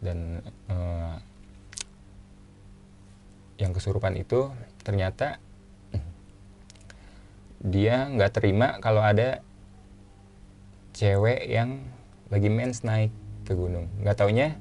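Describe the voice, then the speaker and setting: A man with a casual way of talking, telling his own story as a guest in a relaxed chat and repeating phrases for emphasis. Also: fairly low pitch, slow, long pauses, a little hiss or hum.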